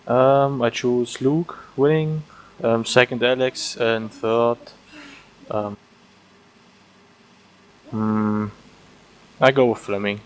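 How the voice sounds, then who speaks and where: A man's voice: mid-range voice, steady tone, slow, pauses often, poor audio. A man co-commentating a sim race, hesitant and thinking aloud with many ums. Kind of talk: live sim racing commentary.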